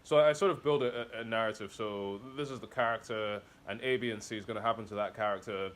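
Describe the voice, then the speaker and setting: A man with a fairly low-pitched voice answers interview questions in a relaxed, casual way. He often stops to search for words, filling the gaps with "um" and "uh" and restarting phrases as he thinks aloud. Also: quick pace, a little hiss or hum. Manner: hesitant, with many fillers and restarts. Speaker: interview guest, comic author.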